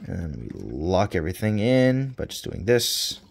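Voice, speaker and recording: A man's voice: low-pitched, sing-song, a little slow, gravelly. A man chatting casually through a toy review with playful swearing, his voice carrying a noticeable room reverb.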